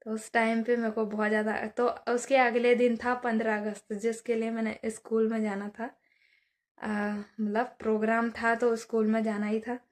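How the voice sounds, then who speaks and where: A woman's voice: on the high side, little pitch movement, normal speed. A young woman vlogger telling a childhood story in a chatty, casual way, often adding little asides. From Uttarakhand hills. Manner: chatty, many fillers and "है ना" asides.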